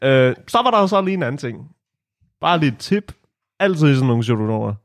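A man's voice: medium pitch, big pitch swings, no echo, clean studio sound. A man telling a crude funny story in casual chat, laughing often and dropping in English phrases.

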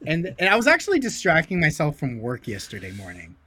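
A man chatting casually as a podcast guest, rambling and excitable, swearing now and then. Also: fairly high pitch, fast talker, slight background noise. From California. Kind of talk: casual chat.

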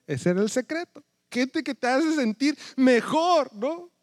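A man's voice: very high-pitched, animated, measured pace, no room sound, studio quality. A man, a pastor preaching a sermon in a conversational storytelling way that keeps checking in with his listeners.

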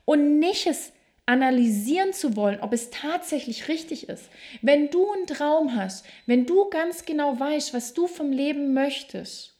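A woman hosting a self-help podcast, talking straight to the listener in a reflective monologue, slow and emphatic in places. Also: high voice, expressive, mellow. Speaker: podcast host.

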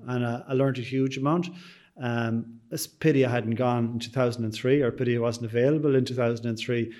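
A man's voice: medium pitch, darkish tone. A man with a west of Ireland accent gives chatty, rambling interview answers as a bakery owner, often saying "you know". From Sligo, west of Ireland.

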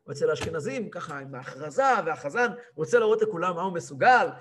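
A man in his thirties, a rabbi giving a lively weekly lesson, who acts out a cantor's chanting and scolds him. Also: a little high, slight background noise. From Israel. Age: 30s. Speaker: rabbi teaching a weekly class.

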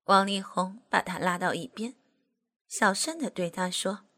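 A woman reads a serialized novel aloud at a slow, deliberate pace. Her voice sits at a middle pitch, steady and measured. The storytelling stays even and calm. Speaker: narrator. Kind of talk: scripted audiobook narration.

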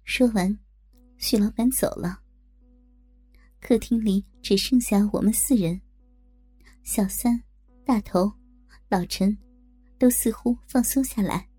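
A woman's voice: mid-range voice, slow pace, long pauses, warm tone, breathy edge, soft background music. A woman narrating a first-person adult story in a coy, teasing manner.

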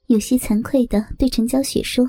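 A woman reading a story aloud as narrator in a soft, even voice. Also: fairly high pitch, a little fast, no room sound. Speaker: audiobook narrator.

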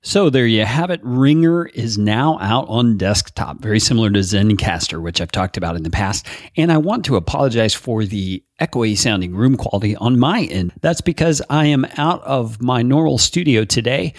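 A man's voice: mid-range voice, expressive, normal speed. A man hosting a podcast, his voice carrying an echoey room sound, talking in a plain conversational way. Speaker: podcast host. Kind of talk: interview and podcast sign-off.

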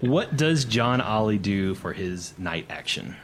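Low-voiced playful game master. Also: male voice, big pitch swings, measured pace, slight background noise. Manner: playful, laughs while narrating. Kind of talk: narrating a tabletop game.

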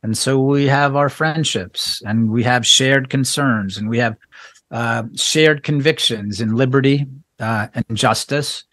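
A man's voice: mid-range voice, a little slow, fairly bright tone, no room sound. Stammering American man, dry close sound. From United States. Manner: stammering restarts, frequent laughs. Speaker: guest journalist. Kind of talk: casual interview talk.

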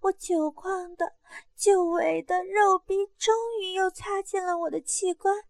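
Woman narrator, very high voice, loud and crude, breathless first-person adult story, dry close recording. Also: level tone, a little slow, gravelly, no room sound.

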